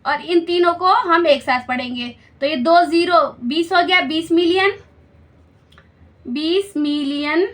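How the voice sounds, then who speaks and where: A woman's voice: very high-pitched, normal speed, hardly any pauses, fairly bright tone. A woman teaching a school maths lesson step by step, patiently explaining and checking understanding with questions.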